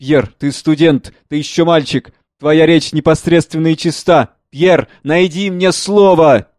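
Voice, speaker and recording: A man's voice: fairly high pitch, unhurried, darkish tone, dry recording, studio quality, voice pushed up, lightly acted. A man reading a play aloud, voicing an aging writer and father in an impassioned, declamatory way. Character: aging man, a famous writer, anguished and earnest.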